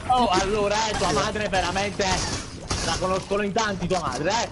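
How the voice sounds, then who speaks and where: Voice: mid-range voice, steady tone, normal speed. A game streamer, bantering casually in a crude, teasing, slangy way.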